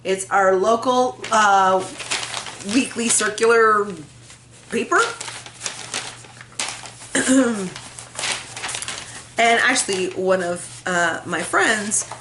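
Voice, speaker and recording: This vlogger speaks very slowly at a medium pitch, pausing often, over a noisy background. She chats casually to her camera at home, rambling, self-deprecating and laughing often. The audio comes from the built-in camera mic in an echoey room.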